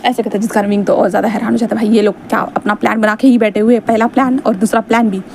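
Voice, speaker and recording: Lady chatting through a fanfic story, high mellow voice, lots of um and like, faint noise behind. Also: fairly even intonation, racing, creaky. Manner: chatty, with fillers. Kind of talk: casual retelling of fan fiction.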